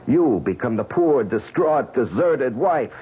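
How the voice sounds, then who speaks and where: An actor playing a bitter, betrayed tough husband in an old radio crime drama, sardonic and intense. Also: male voice, medium pitch, very animated, measured pace, slightly rough, full character voice. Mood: bitter, accusing. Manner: hard-boiled, sardonic, dramatic. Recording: dull, hissy old radio recording.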